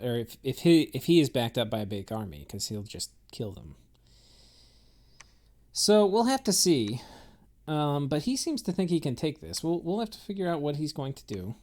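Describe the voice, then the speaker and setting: A man's voice: mid-range voice, very animated, a little slow, long pauses, darkish tone. A man giving casual, rambling commentary on a strategy game he is playing, thinking aloud with many fillers and restarts. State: has the hiccups.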